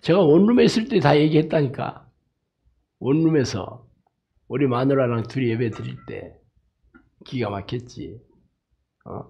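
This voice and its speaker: Male pastor preaching, emphatic and anecdotal, gravelly voice with a wide, swinging pitch. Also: animated, measured pace, pauses often, warm tone, muffled recording. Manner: emphatic, frequent rhetorical "eh?" tags; tells jokes and anecdotes. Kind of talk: sermon.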